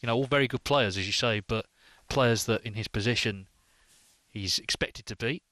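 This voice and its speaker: A man's voice: medium pitch, moderate pace, sharp tone, no echo. A man giving analytical sports commentary as a snooker commentator.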